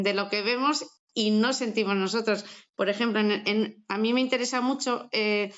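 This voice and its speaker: A woman's voice: medium pitch, a bit bright. A woman artist talking through her ideas in an interview, thoughtful, often restarting phrases and adding tag questions. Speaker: artist and project co-founder. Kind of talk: conversational interview answer. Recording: dull, muffled sound.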